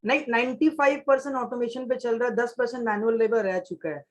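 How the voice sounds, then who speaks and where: A man's voice: very high-pitched, fairly even intonation, brisk, highs cut off. A man speaking on a webinar panel in mixed Hindi and English, with some hesitant fillers. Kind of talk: panel talk.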